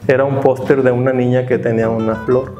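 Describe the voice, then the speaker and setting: A man's voice: medium pitch, level tone, fairly quick, dark tone. A man in his fifties from Mexico, reflectively telling the story of his life as an artist and teacher. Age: 50s. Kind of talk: personal testimony interview. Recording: roomy, slightly dull sound with guitar music behind.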